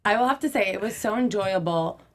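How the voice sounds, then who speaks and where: A woman's voice: medium pitch, expressive, fairly quick, slight background noise. A young woman hosting a casual panel show, bubbly and upbeat. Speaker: host.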